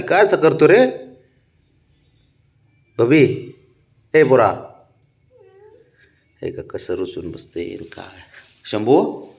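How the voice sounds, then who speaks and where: A young man, coaxing and sweet-talking his pets in affectionate baby talk. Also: mid-range voice. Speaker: pet owner talking to his cats. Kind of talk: casual pet vlog, coaxing baby talk.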